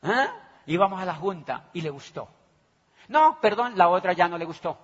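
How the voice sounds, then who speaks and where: A man giving an animated motivational business talk, acting out the people in his stories and often checking that the audience follows. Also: sits high, moderate pace, husky. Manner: animated, acts out the people in his stories, keeps asking "do you understand me". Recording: echoey hall, dull sound.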